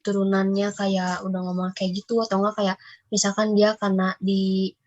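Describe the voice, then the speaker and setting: A woman's voice: medium pitch, monotone, normal speed, a little mellow, dull audio. Indonesian woman hosting a podcast, rambly casual chat, lots of fillers. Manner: chatty, rambling with many fillers. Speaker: podcast host.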